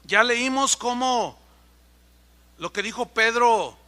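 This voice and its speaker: A man's voice: very high-pitched, slow, bright, forceful tone. A man preaching a sermon as pastor, telling stories with animation and acting out the voices of the people in them.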